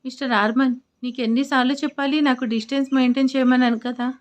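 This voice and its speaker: A woman's voice: high-pitched, fairly even intonation, quick pace, muffled recording, close to an everyday voice. A woman voicing a curt, easily irritated young wife in a storybook tale. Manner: curt, scolding.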